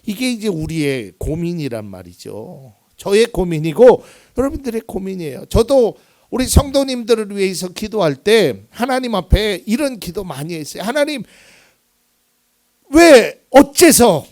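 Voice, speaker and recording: Male pastor preaching hard, gravelly voice, a bit high, goes from crying out to near mutters. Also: very animated, normal speed, a little mellow. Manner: impassioned, swings from cries to low murmurs. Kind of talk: sermon. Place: church sanctuary.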